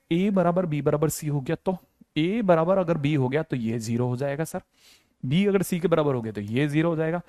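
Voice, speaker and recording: A man's voice: a little high, a little mellow, no room sound, studio quality. A playful male maths teacher. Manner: playful, repeats key phrases, addresses students directly. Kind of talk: classroom lecture.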